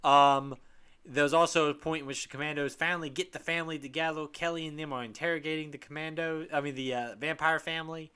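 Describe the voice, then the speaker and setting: A man's voice: on the high side, fairly even intonation, fast talker, pushed and bright, clean tone. A man co-hosting a podcast, chatting casually and animatedly retelling game scenes with laughter. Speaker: podcast co-host.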